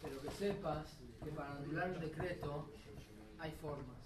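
A man with a Rioplatense accent, animated as he gives a religious storytelling lecture and chants quotations to a room with an audience. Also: on the high side, moderate pace. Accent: Rioplatense Spanish. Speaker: religious teacher. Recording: roomy, distant and noisy.

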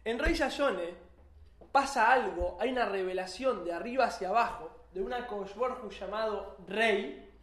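A man's voice: high voice, normal speed, fairly bright tone. Rioplatense man teaching a class. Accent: Rioplatense Spanish. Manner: explanatory, asks the class questions. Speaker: Torah teacher. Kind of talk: religious class. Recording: echoey room.

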